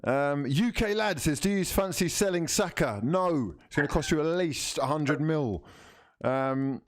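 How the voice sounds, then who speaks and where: A man hosting a live fan football watch-along, commentating in an informal, excitable, matey way. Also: on the high side, a little slow.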